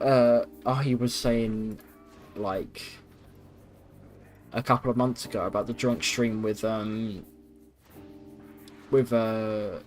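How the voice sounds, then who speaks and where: A young man chats loosely on a game livestream. He rambles and swears casually in a mid-pitched voice, with faint music behind him. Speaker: game streamer. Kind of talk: casual livestream gaming chat. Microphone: streaming microphone at a PC.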